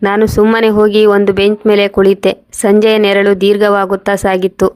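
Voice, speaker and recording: Flat-toned woman narrating a story. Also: medium pitch, normal speed, clear, resonant tone.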